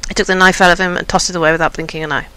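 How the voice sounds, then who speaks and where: A man's voice: high voice, little pitch movement, rapid-fire, clear, resonant tone, rough recording. A man playing a game, reading its story aloud and thinking aloud in a chatty way. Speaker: game player and reader. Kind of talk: game playthrough with read-aloud narration. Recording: loud game music behind.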